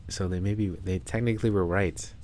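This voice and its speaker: A man's voice: deep voice, fairly even intonation, normal speed, a little hiss or hum. A male streamer reading a story game aloud in a laid-back, joking way. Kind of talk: casual gameplay commentary. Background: soft background music.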